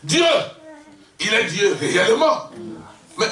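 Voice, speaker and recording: A man from Congo preaching an impassioned sermon in French, shouting and calling out questions to the congregation. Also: high-pitched, very animated, slow pace. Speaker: visiting preacher. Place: church hall. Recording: echoey church hall, distant mic, congregation responding. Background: congregation responses.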